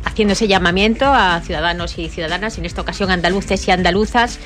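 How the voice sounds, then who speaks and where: A woman's voice: fairly low pitch, music in the background. Polite woman radio host. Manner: polite, measured questioning. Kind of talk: radio interview.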